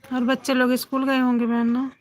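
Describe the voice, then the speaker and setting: A woman chats casually with viewers on a phone livestream, greeting each one by name. Her voice sits slightly high. She keeps the talk going with repeated little affirmations. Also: flat delivery, a little fast. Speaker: livestream host. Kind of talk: casual chat with live viewers.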